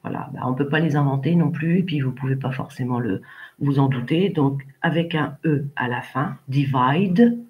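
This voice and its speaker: A woman's voice: extremely low pitch, normal speed, lo-fi sound. A woman teaching English pronunciation in an online class, patiently correcting pupils one by one by name.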